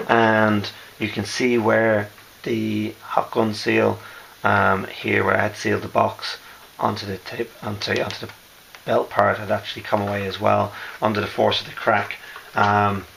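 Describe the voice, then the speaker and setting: A hoarse man who is losing his voice gives a casual, halting show-and-tell as a maker, often correcting himself. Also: lowish voice, a bit bright, a little hiss or hum, low-quality recording. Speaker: costume maker presenting a build.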